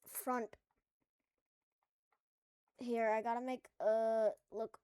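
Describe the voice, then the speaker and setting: A woman's voice: fairly high pitch, level tone, drawn-out words, dark tone, clean tone, dry recording. A woman at home making a casual coding tutorial, rambling through jokey asides as she works. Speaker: tutorial maker.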